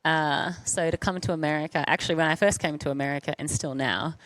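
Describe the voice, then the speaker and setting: A woman's voice: deep voice, fast, fairly bright tone, no echo, rough recording. A woman in her thirties, a professional racer, chatting frankly and easily on a live panel and laughing often. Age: 30s. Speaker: professional gravel racer guest. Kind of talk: casual panel chat.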